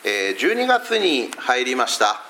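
A man's voice: medium pitch, huge pitch swings, measured pace, a little hiss or hum. A middle-aged male pastor from Fukuoka, giving a chatty sermon to a church service that is streamed online, with lots of filler sounds between phrases. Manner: warm, conversational preaching with frequent fillers.

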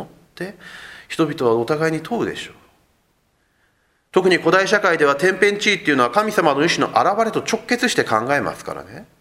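A man's voice: fairly high pitch, a bit bright. A man, the pastor, giving a sermon and telling the story vividly while speaking directly to his congregation. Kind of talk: Sunday sermon.

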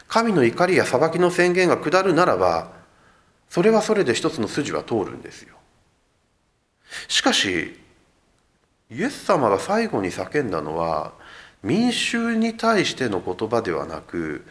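Lively male pastor preaching a sermon. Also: a little high. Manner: animated storytelling, speaks directly to the congregation. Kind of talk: Sunday sermon.

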